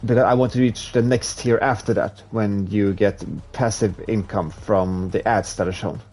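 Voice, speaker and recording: A young man from Sweden, with a fairly low voice and a Swedish accent, talks at normal speed to his stream viewers while racing in a game. Soft music plays behind his relaxed, meandering chat, which he restarts now and then while playing.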